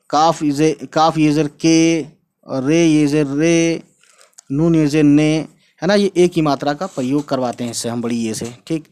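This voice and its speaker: A man's voice: fairly high pitch, a little mellow. A man teaching a casual language lesson, who spells out each word letter by letter and says it again and again, with English words mixed in. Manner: slow, repeats each word several times and spells it out letter by letter; mixes English words into his talk. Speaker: Urdu teacher.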